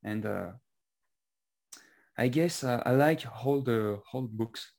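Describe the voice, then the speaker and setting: A man with a French accent interviewing a guest, speaking haltingly with many fillers and restarts. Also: medium pitch, vocal fry, darkish tone. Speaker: interviewer and author. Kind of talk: casual conversational interview.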